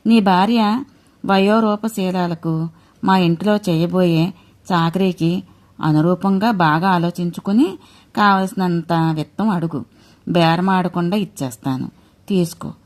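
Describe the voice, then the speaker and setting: An insistent old Brahmin man, wealthy and sure of himself, lectures in a slow, measured way as he bargains in a mythic tale, put on by a woman storyteller. The voice sits a little low. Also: darkish tone, close to an everyday voice. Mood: lecturing.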